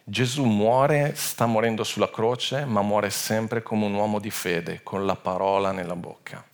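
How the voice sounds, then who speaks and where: Lowish-voiced Italian preacher teaching a sermon. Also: male voice, a little slow. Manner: expressive, rises to loud emphatic peaks then drops low and quiet; self-correcting, restarts words mid-phrase.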